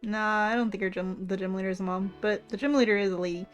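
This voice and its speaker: A woman's voice: mid-range voice, steady tone, fast talker, lo-fi sound, soft background music. A woman giving casual, joking commentary as a game streamer, giggly and teasing with her co-host. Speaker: game streamer doing character voices.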